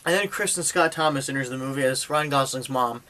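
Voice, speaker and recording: A man's voice: medium pitch, brisk, pushed and bright. Man rambling through a sarcastic movie review. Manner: rambling retelling with many fillers and sarcastic asides. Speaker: film reviewer. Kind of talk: casual spoken movie review.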